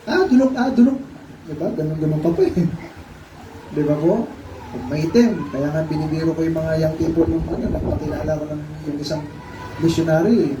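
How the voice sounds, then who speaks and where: A Filipino pastor preaching with animated questions to his congregation. His voice sits high. It comes through a distant mic in an echoey church hall, with clear background noise. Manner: animated, asks the congregation questions, acts out the blind man's cries. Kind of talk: sermon. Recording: echoey room, far from mic, noisy.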